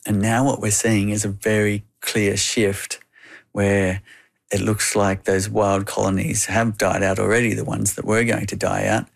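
An Australian man with a low, gravelly voice gives explanatory answers as an interview guest. His intonation stays quite flat and even throughout. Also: a little slow.

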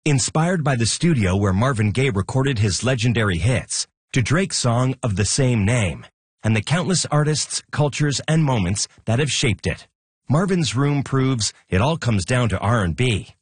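Male station announcer, slightly husky, dead-dry booth. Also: mid-range voice, animated, normal speed, no echo. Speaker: radio announcer.

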